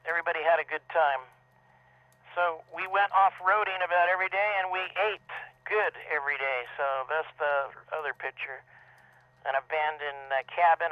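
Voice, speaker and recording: Middle-aged male club presenter, somewhat high voice, rambling casual slideshow talk over a dull lo-fi line. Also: clear, resonant tone, no room sound. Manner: relaxed, rambling, many "uh" fillers. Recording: dull lo-fi dry audio.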